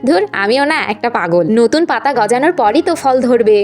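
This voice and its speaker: A woman's voice: on the high side, animated, fairly quick, faint music behind, close to an everyday voice. A woman voicing a worried young woman who frets over her tree and scolds herself. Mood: fretful. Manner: fretful, self-scolding. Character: worried young woman gardener, self-mocking.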